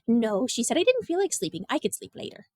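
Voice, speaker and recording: A woman voicing an excitable old grandmother full of childlike wonder, speaking in eager, breathless exclamations. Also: on the high side, fast, no room sound, clean studio sound.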